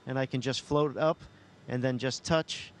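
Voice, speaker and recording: A man's voice: medium pitch, steady tone, moderate pace. Astronaut man on a noisy space radio link. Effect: space-to-ground radio link. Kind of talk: answering questions over space radio. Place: inside a space station.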